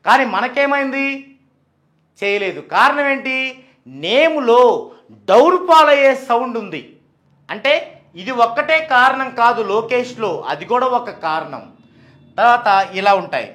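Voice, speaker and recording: A man explaining name sounds, asking and answering his own questions and slowly repeating names to show how they are pronounced. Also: very high-pitched, animated, bright, forceful tone. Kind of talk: explanatory talk.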